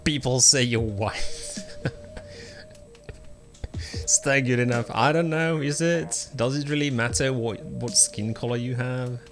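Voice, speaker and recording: While game music plays in the background, a man with a mid-range, somewhat slow voice streams a video game. His commentary is casual and rambling, peppered with ums and uhs as he chats with viewers.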